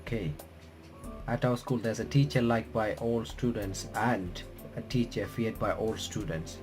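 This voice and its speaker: Reading a game's text aloud as he plays, this reaction-video host stumbles over words and drops casual comments. He speaks at a measured pace in a lowish voice with fairly even intonation, while game music plays faintly underneath.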